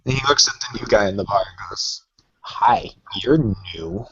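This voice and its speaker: Man, tabletop player, husky, lively pitch, lo-fi. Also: fast talker. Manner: animated, narrates own character. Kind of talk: playing a tabletop game.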